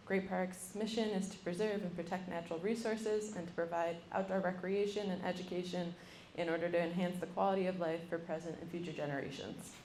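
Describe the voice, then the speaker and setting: Moderating a university panel, a young woman introduces each speaker in turn, often saying um. Her voice is fairly low and darkish in tone. She's in a lecture room, recorded from a distance with a roomy sound and slight background noise.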